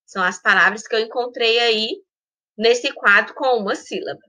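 Bright-voiced woman teacher, Brazilian accent. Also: fairly high pitch. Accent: Brazilian Portuguese. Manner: slow, drawn-out spelling of words with frequent check-ins. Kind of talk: recorded school lesson.

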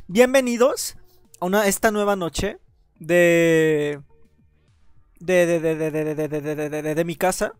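A man with a Mexican accent chatting excitedly on a gaming livestream while he has a cold, often stammering over repeated words. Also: a little high, a little slow, long pauses, smooth, no echo, soft background music. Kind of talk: casual gaming livestream chat.

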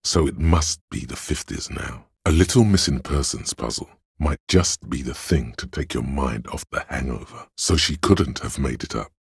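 Logic, a gravelly, bottomless inner voice. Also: male voice, no room sound, heavily acted. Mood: dry, deductive. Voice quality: very deep, gravelly, husky. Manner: measured, deadpan, dry and matter-of-fact. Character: cold, analytical, condescending male inner voice of logic. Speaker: video game voice actor. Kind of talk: scripted second-person inner-voice narration.

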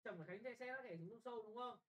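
Young man, classroom exam tutor; brisk, blunt, keeps checking if students follow. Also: extremely high pitch, rough recording. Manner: brisk and bossy, often checking "got it?". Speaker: English tutor.

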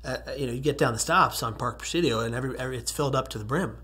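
A man tells his survival story in an earnest personal testimony, shifting between near-whispered passages and strong, emphatic rises. His mid-range voice races along with a sharp, slightly rough tone.

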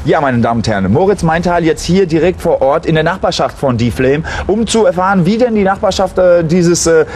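A man's voice: on the high side, lively intonation, brisk, darkish tone, a little hiss or hum, close to an everyday voice. A man playing a bumbling, earnest local TV reporter in a parody street news report. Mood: stiff, earnest.

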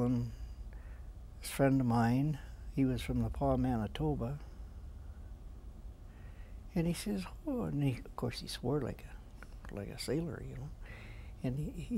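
An old Canadian veteran remembers his service in a dark, mellow voice of medium pitch. He speaks plainly and haltingly, as a man in his seventies looking back. There is faint noise in the room. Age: 70s. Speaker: war veteran being interviewed. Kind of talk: veteran's reminiscence in an interview. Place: small indoor room with flags. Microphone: lapel mic.

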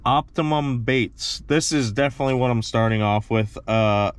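A man's voice: medium pitch, moderate pace, clean tone. A young man chatting and joking to camera in a casual fishing vlog, filmed in a parked truck on a dashboard camera. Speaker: fishing vlogger.

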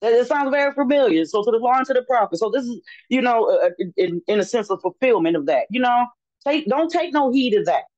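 A woman's voice: fairly high pitch, animated, brisk, darkish tone, no room sound. A woman teaching a Bible class on a video call, interjecting and building into fervent preaching. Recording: dull, dry video-call audio.

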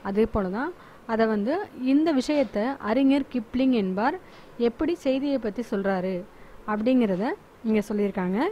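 Female teacher, fairly high voice, talkative and repetitive, faint noise under the recording. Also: moderate pace, lo-fi sound. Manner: chatty and repetitive, restarts words often. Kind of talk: explaining a school lesson.

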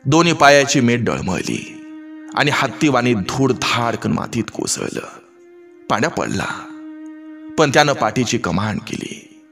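A man's voice: medium pitch, very animated, measured pace, gravelly, fairly bright tone. A man narrating a story aloud with a vivid, dramatic reading. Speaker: story reader. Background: faint background music.

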